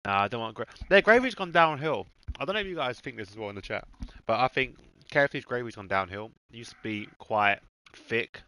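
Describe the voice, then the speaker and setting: Bright-voiced man, casual and sweary. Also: mid-range voice, lively intonation, a little fast, no room sound, poor audio. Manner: laid-back, swears freely, talks to his dog and chat. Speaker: streamer hosting a racing game stream. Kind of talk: casual chat while eating on stream.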